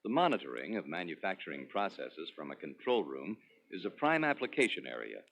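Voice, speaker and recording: A man presenting a product demonstration in a scripted, instructional promotional narration with clearly structured delivery. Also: low voice, very animated, brisk, a bit bright. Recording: dull lo-fi 1980s demo recording.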